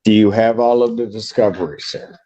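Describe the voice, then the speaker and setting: A man's voice: fairly low pitch, steady tone, brisk, mellow, muffled recording. A man speaking formally as a judge in a courtroom, questioning and giving procedural rulings. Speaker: judge presiding over a court hearing.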